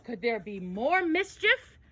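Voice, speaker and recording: Slowly and in a sing-song lilt, a woman narrates a storybook tale for children, gasping and exclaiming dramatically. Her voice is high, bright and clear, sweeping broadly in pitch, and the recording is dry.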